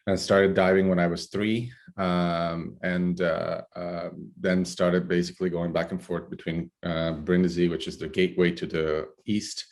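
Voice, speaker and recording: A middle-aged man from Italy with an Italian accent, a podcast guest talking haltingly with many fillers and restarts. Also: deep voice, little pitch movement. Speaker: guest, climate researcher. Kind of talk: podcast interview.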